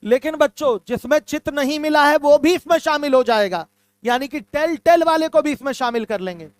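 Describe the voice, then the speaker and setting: A man's voice: very high voice, brisk, no echo. A male math teacher giving an online class, patiently repeating key terms and calling his students "my children".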